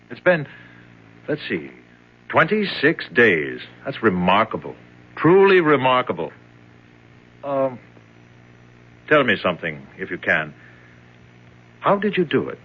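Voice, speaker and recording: An actor in a 1970s radio drama, playing a polished, measured man who questions a freed prisoner. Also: mid-range voice. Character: smooth, probing man in charge of the captive. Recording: dull old radio broadcast.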